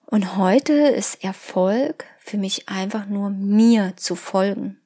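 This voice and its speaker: Calm, reflective woman podcaster. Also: medium pitch, slow pace. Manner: calm, addresses the listener directly, drops to a soft whisper at times. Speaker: podcast host. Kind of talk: reflective self-help monologue.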